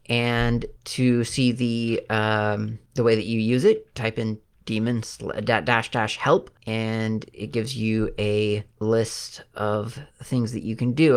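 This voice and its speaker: A man explaining software packages off the cuff, thinking aloud with frequent restarts and fillers. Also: medium pitch. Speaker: tech podcaster. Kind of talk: unscripted technical explainer.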